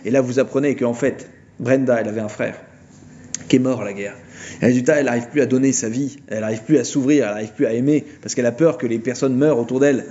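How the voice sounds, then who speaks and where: A man giving an informal philosophy lecture, retelling a film plot with mocking, animated storytelling. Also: mid-range voice, quick pace, muffled recording.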